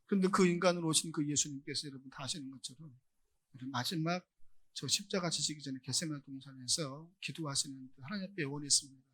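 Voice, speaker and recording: A man preaching a sermon as pastor, often addressing the congregation and building to loud, emphatic rhetorical questions. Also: fairly high pitch, fast talker, breathy edge.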